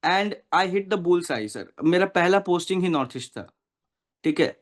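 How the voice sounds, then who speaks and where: With an unhurried delivery and lively intonation, this man's voice sits high. He's a Kolkata bank officer in his thirties being interviewed casually, and he mixes Hindi with English while answering sincerely, hesitating often and leaning on fillers.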